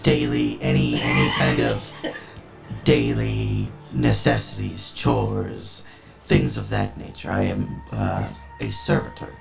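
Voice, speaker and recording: A man voicing a Warforged servant construct that speaks in a stiff, formal monotone. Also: fairly low pitch, slow, vocal fry, pitched below the performer's own voice, heavily acted. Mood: dutiful. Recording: background music.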